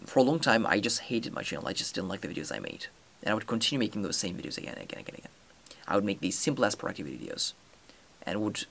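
A young Turkish man, speaking his native Turkish, hosts a solo podcast with determined earnestness, using many fillers and restarts. His voice is lowish, creaky, and fairly bright.

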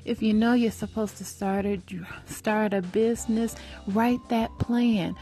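Earnest woman, 40s, mellow tone, faint music under her, preacherly motivational talk. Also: fairly high pitch, fairly even intonation, measured pace. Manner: earnest, preacherly, repeats phrases for emphasis. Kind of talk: faith-based motivational talk.

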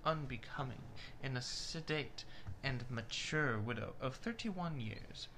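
Someone reading a romance novel aloud at a steady pace, with the occasional remark about the text. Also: mid-range voice, a little slow, slight background noise, rough recording.

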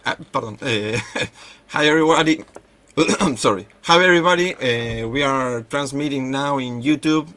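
A man's voice: mid-range voice, a little slow, a bit bright. A man co-hosting and interpreting on a live podcast in a casual, apologetic, jokey way. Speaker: co-host and interpreter. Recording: faint ambient background noise.

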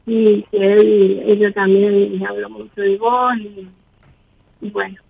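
A woman's voice: medium pitch, little pitch movement, slow pace, gravelly, no room sound. Woman on a distorted bluetooth headset. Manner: hesitant, soft-spoken, with many fillers. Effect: distorted wireless headset on a phone call. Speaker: caller. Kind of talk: call-in conversation. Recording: distorted phone-line headset audio.

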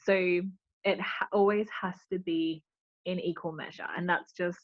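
A woman's voice: fairly low pitch, fairly even intonation, measured pace, dry recording. A woman guest in a casual interview, explaining her ideas thoughtfully with many "like" fillers. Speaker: podcast guest. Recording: dull lo-fi audio.

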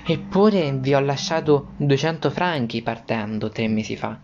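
A man's voice: medium pitch, measured pace, a little mellow, dull audio, voice pushed up, close to an everyday voice. A man voicing an eager young sailor. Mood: anxious. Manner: earnest, pleading. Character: young male sailor, eager and devoted son.

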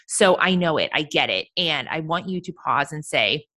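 A woman's voice: low-pitched, lively intonation, moderate pace, pushed and bright. A woman coach talking earnestly and emphatically in a podcast interview. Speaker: sobriety coach.

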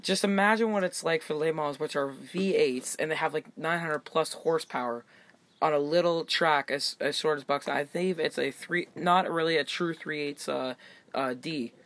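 A man's voice: fairly high pitch, normal speed, a bit bright, dry recording. A man interviewing a guest in a casual chat, repeating words as he gets going. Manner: chatty, repeats words as he starts.

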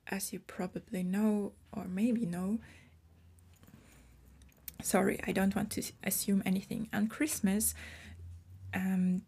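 This podcast host, a woman from Switzerland in her twenties, explains things with care and corrects her wording as she speaks. Her mid-range voice is creaky, warm and husky.

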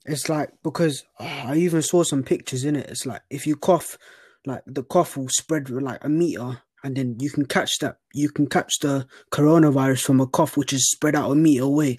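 A man's voice: mid-range voice, fairly even intonation, normal speed, a little mellow, breathy edge, no echo, clean studio sound. A young man with a London roadman accent, chatting casually and peppering his talk with slang tags. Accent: London roadman, urban slang. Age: young adult. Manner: slangy, with frequent "innit" and "bro" tags. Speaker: podcast speaker. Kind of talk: casual chat.

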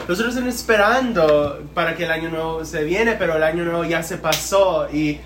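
A man in his twenties co-hosting a family podcast, speaking halting Spanish and often searching for words. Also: fairly high pitch, reverberant, noisy background. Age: 20s. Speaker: podcast co-host. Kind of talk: casual family chat.

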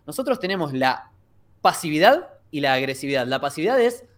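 Slightly high-voiced Argentine man explaining. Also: sing-song, fairly quick. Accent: Argentine Rioplatense Spanish. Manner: didactic, explains step by step. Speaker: podcast co-host. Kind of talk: casual podcast chat.

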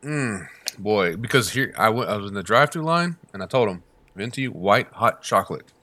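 Male podcast co-host, bright tone, dry sound, animated casual ranter. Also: fairly low pitch, moderate pace, no room sound. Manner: animated storytelling, emphatic rants. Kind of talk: casual chat.

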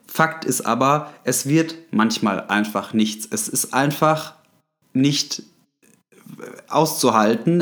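A man hosting a solo podcast, speaking directly to the listener with advice, often pausing with fillers and restarting his sentences. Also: a little high. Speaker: podcast host.

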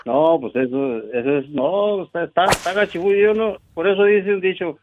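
A man's voice: sits high, normal speed, phone-quality sound, noisy background, pitched above the performer's own voice, close to an everyday voice. A man voicing a crude, joking working man who quotes folksy sayings and brushes things off. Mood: boastful.

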